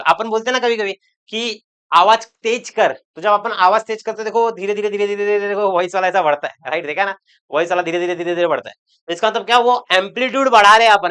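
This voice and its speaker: A man's voice: high-pitched, sharp tone, smooth. A man teaching chemistry in an online lecture, chatty and joking with students, repeating words for emphasis. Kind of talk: online exam-prep lecture.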